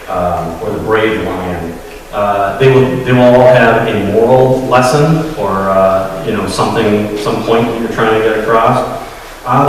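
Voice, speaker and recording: A man with a fairly low voice gives a storytelling talk, pausing often on fillers and restarts. He sounds a little nervous. He is heard from a distance in a large hall with a long, echoing reverb. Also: a little hiss or hum. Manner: hesitant, many fillers, admits nerves. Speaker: guest speaker at a secular congregation. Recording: echoey hall, voice from far off.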